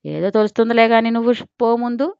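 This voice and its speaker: Brief: woman reading a brusque, cocky young husband, gruff and mocking, smooth tone. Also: a little high, fast, darkish tone, no room sound, muffled recording. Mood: irritated.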